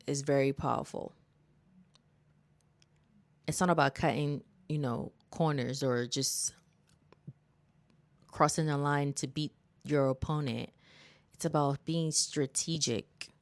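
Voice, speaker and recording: Low-voiced woman hosting a motivational stream. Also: slow pace, pauses often. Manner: earnest, motivational, casually swearing. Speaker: livestream host. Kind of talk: casual self-help commentary.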